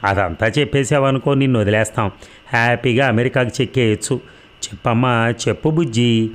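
A man's voice: medium pitch, a little fast, close to an everyday voice. A man reading an audiobook, voicing a harsh male police interrogator who taunts and threatens. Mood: taunting.

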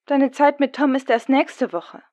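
A man's voice: very high-pitched, fairly even intonation, a little slow, a little mellow, dry recording, voice pushed up. A man voicing a guarded, impatient ex-wife who answers through a doorbell intercom speaker with curt, suspicious questions. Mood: wary. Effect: heard through a doorbell intercom speaker. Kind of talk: audiobook narration.

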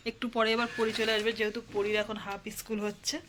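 A woman's voice: fairly high pitch, little pitch movement, fast talker. Chatty woman vlogging. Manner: chatty, explains everyday chores to viewers. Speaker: vlogger and mother. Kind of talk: casual daily vlog narration. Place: at home. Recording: noisy home recording.

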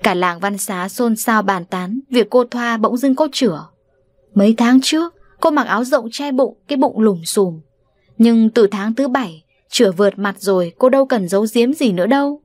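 A woman tells a novel aloud in a dramatic, expressive way. Her voice sits fairly high, and the recording is close and dry. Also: normal speed, no room sound. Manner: dramatic, animated delivery of voices. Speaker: audiobook narrator. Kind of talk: expressive storytelling narration.

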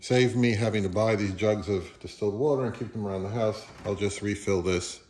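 There's a faint hiss or hum under this man's lowish, darkish voice as he talks briskly. In his fifties, he's a channel host and record collector speaking casually and offhandedly at home, across the living room and kitchen, in the manner of a home product review vlog.

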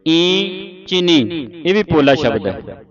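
Slow, patient male recitation teacher. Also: on the high side, big pitch swings, muffled recording, a crowd in the background. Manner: patient, drills each word slowly and checks understanding. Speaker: Gurbani pronunciation teacher. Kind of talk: slow line-by-line recitation lesson.

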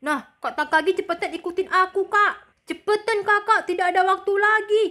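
Protective older boy, high and bright, reassuring and bossy, as voiced by a woman in a game role-play. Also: steady tone, normal speed. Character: calm older boy, protective big brother.

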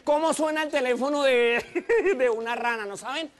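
High-voiced joke teller. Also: male voice, normal speed. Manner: laughs at own jokes, playful. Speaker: comedian. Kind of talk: telling quick jokes on TV comedy show.

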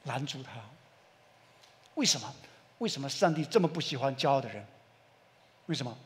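A man's voice: medium pitch, lively intonation, moderate pace, a bit bright. A male pastor with a Taiwanese Mandarin accent preaches a sermon, peppering it with rhetorical questions to the congregation and leading them in reading scripture aloud. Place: church sanctuary. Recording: long church-hall reverb.

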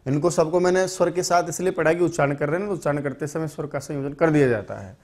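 Teacher asking and answering himself. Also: male voice, on the high side, darkish tone. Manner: explains step by step, asking questions and answering them himself; says sounds aloud slowly and clearly. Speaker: Sanskrit teacher. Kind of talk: online grammar lesson.

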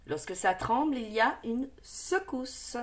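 With lively intonation and a slightly high voice, a woman teaches first graders to read at a somewhat slow pace. As a primary school teacher, she deliberately sounds out each letter and syllable and encourages the child.

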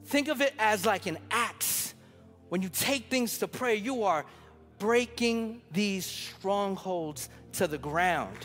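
A man's voice: high-pitched, animated, slow, a bit bright, long reverb tail, soft background music. A man in his thirties preaching a sermon, emphatic and building with repeated phrases, telling a story from his own family life. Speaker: pastor. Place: church sanctuary.

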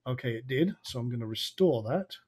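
A man with a raspy, somewhat tired voice, coaching informally and thinking aloud through a screen-share tutorial. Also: medium pitch, animated, fairly quick, darkish tone. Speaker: online marketing coach.

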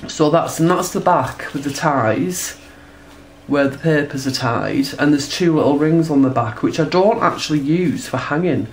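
A textile artist, congested with a cold, walks through a hands-on demonstration of her process at an indoor table. She sketches while talking in a chatty, unhurried way with little tag questions, her voice low against slight background noise.

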